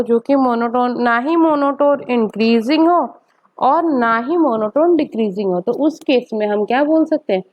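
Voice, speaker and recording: Woman teaching maths, lo-fi sound. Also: on the high side. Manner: explains step by step with frequent rhetorical questions and "okay". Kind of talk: whiteboard maths lecture.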